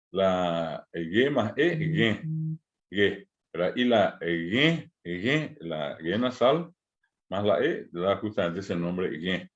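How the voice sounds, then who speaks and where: A middle-aged man teaching an online language class, explaining patiently and repeating sounds slowly for his students, with frequent hesitant fillers. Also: on the low side. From Paraguay. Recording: dull lo-fi online class audio.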